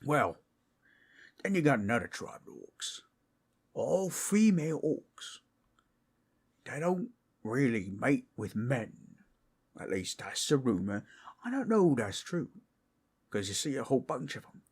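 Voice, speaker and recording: A man voicing a boastful, friendly ork masseur in an ASMR role-play, with a rough, husky voice and a folksy, rambling way of talking. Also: mid-range voice, sing-song, measured pace, pauses often, heavily acted. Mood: chatty, dreamy. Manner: folksy, rambling, boastful fantasy-brute talk with rustic grammar.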